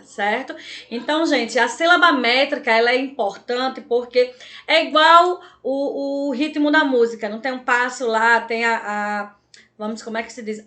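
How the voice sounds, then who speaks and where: Teaching Portuguese online, a woman with a Brazilian Portuguese accent frequently asks "certo?" and "tá, gente?" to make sure her class is following. She speaks in a high, fairly bright voice.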